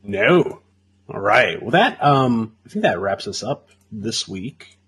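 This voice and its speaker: A man hosting a podcast, thanking guests and asking where to find them in a relaxed, casual way. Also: lowish voice, takes it slowly, slightly rough. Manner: wraps up the show with thank-yous and questions. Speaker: podcast host. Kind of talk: casual chat.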